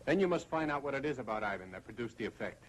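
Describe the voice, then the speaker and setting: An actor playing an impatient, demanding conspirator in an old horror film, stern and probing. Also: male voice, mid-range voice, animated, very fast, lightly acted, rough recording. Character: impatient, demanding male conspirator plotting conquest. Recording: old film soundtrack, faint noise.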